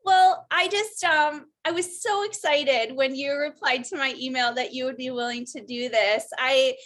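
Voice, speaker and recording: Young woman hosting a podcast, high voice, bubbly and gushy, casual chat. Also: normal speed, a bit bright. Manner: bubbly, gushing, enthusiastic. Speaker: podcast host.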